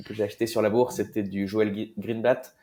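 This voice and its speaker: Low-voiced young man from Marseille. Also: level tone, a little fast, mellow, a little hiss or hum. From Marseille, France. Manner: loose and hesitant, many fillers and restarts. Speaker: guest investor. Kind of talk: casual interview talk.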